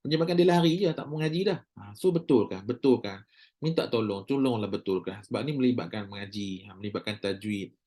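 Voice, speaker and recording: A Malaysian Malay-accented man teaches a recorded recitation class in a casual lecture, chatting, joking, and stretching out sounds to demonstrate them. His voice sits fairly low and comes across animated, warm, and fairly quick.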